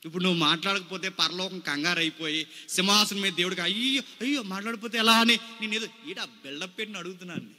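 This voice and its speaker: A man's voice: high voice, fast, pushed and bright, big-room sound. A male preacher giving a dramatic sermon, acting out quoted voices and firing rhetorical questions.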